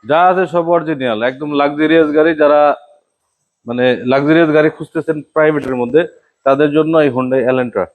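A man with a Bangladeshi accent sells used cars in slick showroom patter. His voice sits fairly high and he talks very fast, restating prices and features as he goes. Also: steady tone, phone-quality sound. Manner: slick salesman patter, repeating selling points and prices. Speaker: used car salesman at a showroom. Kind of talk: car sales pitch to camera.

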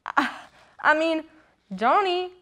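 A woman's voice: high voice, expressive, slow pace, a bit bright, heavily acted. A woman doing a chirpy folksy rodeo queen. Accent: put-on American Southern country. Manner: folksy, drawling, calls everyone honey. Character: folksy cowgirl rodeo queen, chirpy, full of country sayings. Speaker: guest character.

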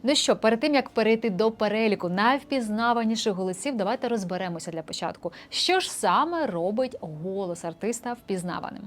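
A woman's voice: mid-range voice, expressive, brisk, few pauses. A young woman vocal coach in a casual lesson, explaining voice technique and breaking into short sung demonstrations. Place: indoor room with a street musician outside.

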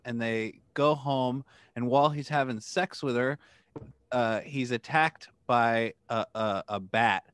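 A man co-hosting a podcast, retelling a film plot in casual, animated storytelling. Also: mid-range voice, clean tone, dry recording. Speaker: podcast co-host. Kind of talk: casual chat.

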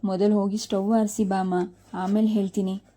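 A sharp-tongued young daughter in a storybook, mocking and gloating, voiced by a woman. The voice is dark and warm with a narrow, level pitch. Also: little pitch movement, brisk, lightly acted. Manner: sarcastic, gloating.

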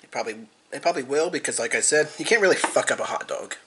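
Bright-voiced young man vlogging a snack. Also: medium pitch, lively intonation, very fast, a little hiss or hum. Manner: rambling, repetitive, eats and talks with mouth full. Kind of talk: casual food-tasting vlog.

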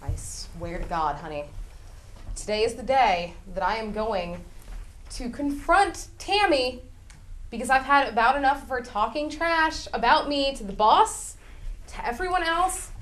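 A woman's voice: a little high, animated, a little slow, fairly bright tone. A woman in an improv scene playing a fed-up wife who rants about confronting a coworker. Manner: huffy, ranting.

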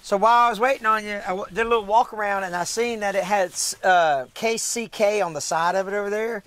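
A man hosting a casual outdoor video, folksy and excitable, laughing often as he talks. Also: sits high, quick pace. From Florida. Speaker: host. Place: outdoors in woods.

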